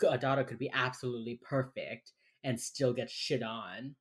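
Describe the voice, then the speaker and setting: An American woman with a Miami accent, co-hosting a casual podcast chat in an informal, sweary, halting way. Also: rumbling low, breathy edge. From United States. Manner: informal, sweary, halting with many filler phrases. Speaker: podcast co-host.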